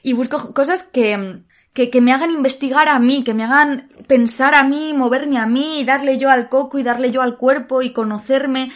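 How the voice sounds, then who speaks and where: A woman's voice: high-pitched, moderate pace. Nervous, laughing Spanish woman. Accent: Spanish, Spain. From Spain, Alicante. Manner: laughs often, searches for words, restarts. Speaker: guest actress. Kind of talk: casual podcast interview.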